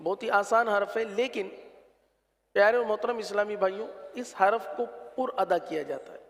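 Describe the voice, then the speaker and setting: In a big, roomy space, a man with a high, slightly bright voice teaches how letters are pronounced in Quran recitation. He goes slowly and patiently, stretching out each sound to demonstrate it.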